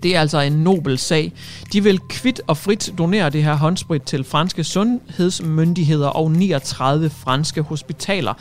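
A man hosting a radio show, delivering a cheeky, jokey news monologue and dropping English phrases into his talk. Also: a little high.

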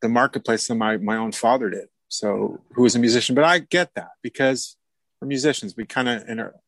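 A man's voice: medium pitch, a little fast, creaky, fairly bright tone, dry recording. A man, a music producer and mentor, talking in a casual interview, rambling and correcting himself as he goes and laughing easily.

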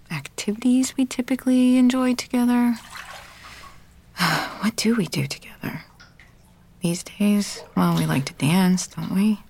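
A woman's voice: lowish voice, darkish tone, slight background noise, exaggerated voice. A woman playing an anxious wife hoping to adopt, who keeps apologizing and talks herself through things in an audio drama. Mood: wistful. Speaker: wife preparing for an adoption home visit.

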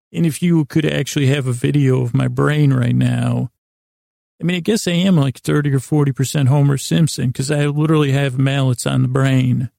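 A podcast host delivers a bedtime monologue that rambles and halts, full of long pauses, self-corrections and silly self-deprecation. His mid-range voice is gravelly, creaky and dark-toned, recorded with studio quality and no echo.

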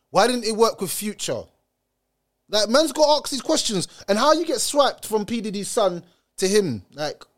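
A young man with a London roadman accent and street slang, giving a casual, opinionated rant as a commentator. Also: high voice. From United Kingdom. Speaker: commentator reacting to viewer comments.

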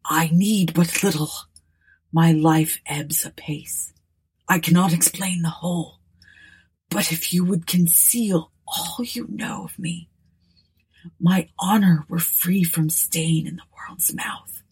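A woman voicing a dying male nobleman, secretive and fierce, in a hoarse whisper. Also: medium pitch, a little slow, hardly any pauses, a little mellow. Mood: pleading.

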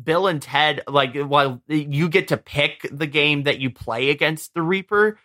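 A man co-hosting a podcast, chatting casually about a movie and often pausing to search for words. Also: on the high side, pushed and bright. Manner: hesitant, many fillers and restarts. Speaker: podcast co-host.

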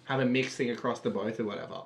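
A man's voice: medium pitch, steady tone, fast talker, poor audio. An Australian man arguing casually as a panellist on a podcast. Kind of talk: casual debate.

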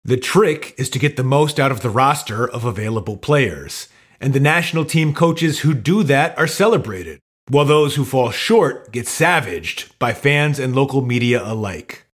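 A man giving scripted narration for a sports podcast in a measured, informative delivery. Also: mid-range voice, animated.

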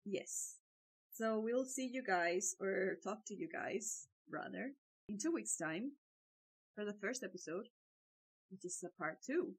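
A woman's voice: mid-range voice, lively intonation, measured pace, slightly rough, low-quality recording. Breezy woman podcast host signing off. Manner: breezy and chatty, with fillers and self-corrections. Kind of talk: casual chat, signing off the episode.

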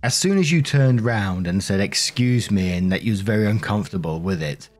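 A man's voice: on the low side, expressive, fairly quick, a little mellow. A man reading Reddit relationship stories aloud and then reacting bluntly in his own words. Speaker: story narrator.

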